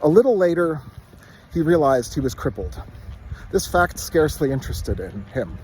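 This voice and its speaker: A man with a somewhat high voice recites literary prose from memory, by rote, in short, measured phrases. He sounds very animated yet a little mellow, with a light layer of ambient noise behind him.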